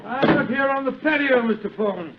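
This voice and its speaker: An actor playing a genial, fussy older English doctor with a hesitant, bumbling manner, in 1940s radio style. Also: male voice, extremely high pitch, quick pace, loud music behind the voice. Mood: genial, cosy. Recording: tinny, noisy old radio broadcast.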